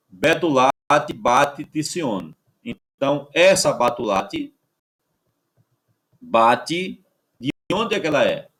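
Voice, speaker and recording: Slow, halting man teaching. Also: mid-range voice. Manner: slow, halting delivery, checks in with "certo?". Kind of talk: recorded grammar lesson.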